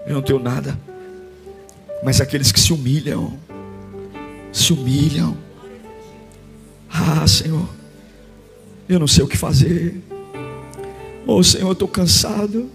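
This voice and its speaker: A man with a Brazilian Portuguese accent, preaching a sermon as a pastor, shouting and chanting at times and dropping to a low, quiet appeal at others. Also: fairly even intonation, unhurried, vocal fry, pauses often, over music.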